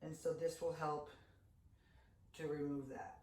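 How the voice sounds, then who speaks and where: A woman's voice: low voice, little pitch movement, measured pace, darkish tone. A woman hairdresser with a slight lisp, chatting to viewers through a hair care tutorial at her salon's shampoo bowl. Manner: chatty, addresses viewers as you guys. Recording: roomy echo, faint background noise.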